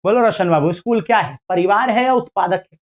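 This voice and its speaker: A man's voice: high-pitched, brisk, dull audio. A male teacher giving a casual lecture to students, chatty and playful, acting out little dialogues as he explains.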